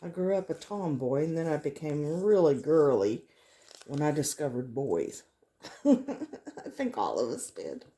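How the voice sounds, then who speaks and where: A woman's voice: deep voice, big pitch swings, measured pace, dark tone. A woman chatting casually to viewers as she works on a craft, thinking aloud as she goes. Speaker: craft vlogger hosting a resin tutorial. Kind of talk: casual chat while working.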